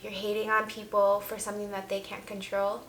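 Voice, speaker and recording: A woman vlogger talks casually and candidly to camera, sharing emphatic, opinionated views. Her mid-range voice is monotone and brisk, with slight background noise. The room gives a roomy echo, and soft music plays faintly behind her.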